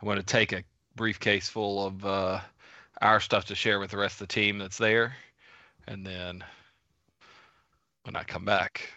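A man's voice: fairly low pitch, little pitch movement, unhurried, pauses often, pushed and bright, dry recording. A man co-hosting a podcast, laid-back and chuckling in casual chat. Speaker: podcast co-host. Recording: dull, dry mic.

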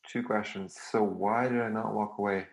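A man, his voice gravelly and a little low. He talks in a thoughtful, searching way, often restarting his sentences as he reflects on his life in music. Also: fairly even intonation, moderate pace, rough recording. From Serbia. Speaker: guest musician. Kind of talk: reflective casual conversation.

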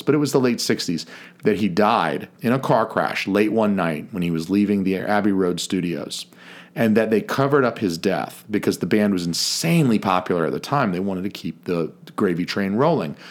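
Measured, mock-formal podcast man, low voice. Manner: measured, mock-formal delivery with casual swearing. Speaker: podcast co-host. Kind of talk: casual podcast chat.

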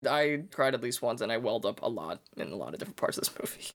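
A man co-hosting a casual film discussion, animated as he recounts scenes. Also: mid-range voice, fast talker. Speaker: podcast co-host.

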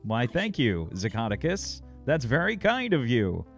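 A man's voice: mid-range voice, wildly swooping pitch, a little slow, gravelly, faint music behind. A man running a tabletop game as game master, talking in a casual, joking, conversational way.

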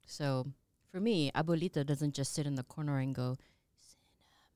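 A woman's voice: deep voice, brisk, warm tone, dry recording, studio quality. A woman co-hosting a podcast, chatting playfully about food. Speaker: podcast co-host. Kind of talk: casual chat.

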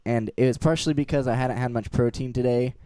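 A man in his twenties hosting a casual live-streamed podcast at home, excitable and rambling. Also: mid-range voice, quick pace, clear, resonant tone, no echo. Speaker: podcast host. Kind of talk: casual chat. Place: home room. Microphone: live stream mic.

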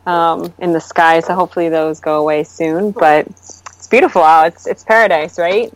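Chatty low-voiced young woman guest. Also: fairly even intonation, moderate pace, a little hiss or hum, poor audio. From Oahu, Hawaii. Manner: chatty, filler-heavy, laughs easily. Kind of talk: casual conversation. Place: at home.

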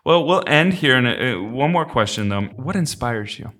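A man's voice: mid-range voice, lively intonation, normal speed, fairly bright tone. A young adult man hosting an interview, talking in an earnest, conversational way with false starts. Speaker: podcast host. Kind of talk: casual interview talk.

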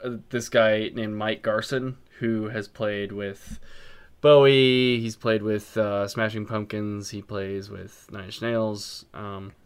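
Man, low voice, smooth, casual podcast chat, lots of ums and restarts. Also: little pitch movement, takes it slowly. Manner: rambling, many ums and restarts. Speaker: podcast co-host.

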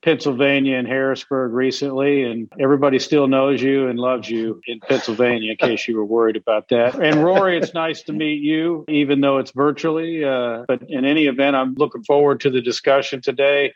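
A man's voice: medium pitch, steady tone, a little fast, few pauses, no room sound, lo-fi sound. A middle-aged man chatting casually as an executive guest in an interview. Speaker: podcast guest, company executive.

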